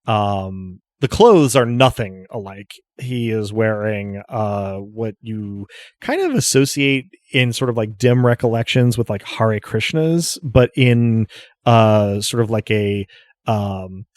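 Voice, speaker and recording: A man acting as game master, improvising casual narration in a halting way, thinking aloud as he goes. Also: fairly low pitch, expressive, no room sound, clean studio sound.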